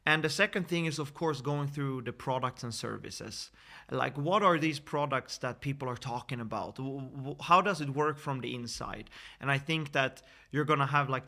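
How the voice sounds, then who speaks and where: A man's voice: mid-range voice, bright, forceful tone. A man in his thirties from Sweden, giving an earnest, persuasive screen-share sales presentation with frequent fillers and restarts. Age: 30s. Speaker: network marketing presenter.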